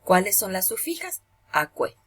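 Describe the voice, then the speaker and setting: Soft-spoken woman teaching a lesson. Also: medium pitch, sing-song, normal speed, breathy edge. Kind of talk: remote class lesson.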